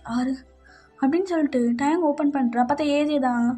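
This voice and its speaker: A woman's voice: sits high, brisk, mellow, soft background music. A woman narrating a fan fiction audio story in a casual, conversational way.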